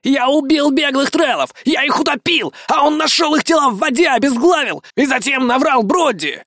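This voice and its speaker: Shrill young braggart warrior for an audiobook, loud and indignant, very high and strained, dry close sound, a man acting it out. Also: expressive, moderate pace, gravelly, dry recording, heavily acted. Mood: indignant shouting.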